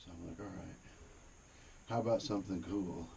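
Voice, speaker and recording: A man's voice: deep voice, moderate pace, vocal fry, mellow. A man casually telling rambling, profane anecdotes in a laid-back way, recorded inside a cave. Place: inside a cave during a tour. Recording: noisy cave ambience. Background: cave ambience, noise.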